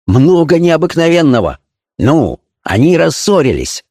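A man voicing an eager young informant in a storybook reading, reporting what he has seen in a raised, excited voice. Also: on the high side, a little slow, no room sound, clean studio sound, voice pushed up, exaggerated voice.

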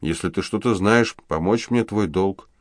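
A man reading an audiobook, voicing a calm, polite police chief who speaks with patience. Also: deep voice, moderate pace, dry recording, clean studio sound, voice pushed up, natural voice. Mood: patient. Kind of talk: audiobook character voice.

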